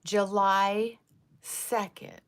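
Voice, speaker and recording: A livestream host in her sixties talks casually as she does her makeup, speaking very slowly in a level, medium-pitched voice. She rambles between tangents and at times drops to a murmur, and there's a little hiss or hum in the audio.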